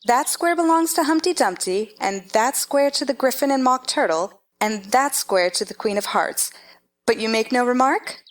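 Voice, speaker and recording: A woman's voice: fairly high pitch, lively intonation, moderate pace, natural voice. Woman playing the haughty, swooping Red Queen. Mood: brisk, condescending. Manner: imperious, clipped commands, scolding. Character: haughty, bossy Red Queen, imperious chess-piece monarch. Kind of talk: theatrical dramatized reading.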